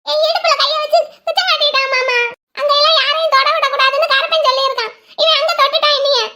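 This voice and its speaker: A woman voicing a naive young girl bride in a cartoon, chattering in a shrill, breathless way. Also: fairly even intonation, brisk, background noise. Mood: tattling. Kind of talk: cartoon voice acting.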